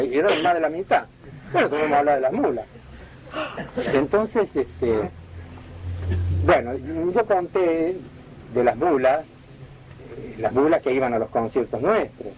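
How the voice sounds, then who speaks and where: A man telling anecdotes in a relaxed, rambling way, often correcting himself and searching for names. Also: fairly high pitch. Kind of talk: relaxed spoken storytelling. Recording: dull lo-fi archive recording with faint hiss.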